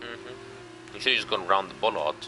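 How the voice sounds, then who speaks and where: Low-voiced man commentating a race. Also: music in the background. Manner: chatty, jokey, quick rises in excitement. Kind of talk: casual live race commentary.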